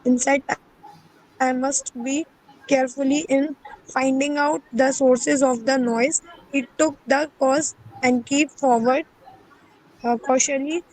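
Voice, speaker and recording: A woman's voice: high voice, fairly even intonation, slow pace, long pauses, a little mellow, no room sound, rough recording. A female student reading a story aloud, hesitantly and stumbling over words. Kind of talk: halting read-aloud of a story.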